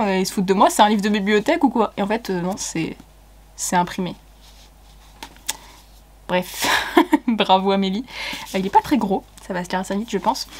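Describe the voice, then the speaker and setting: A young woman chatting casually as she unboxes books, excitable and giggly, with many fillers. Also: medium pitch. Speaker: book vlogger.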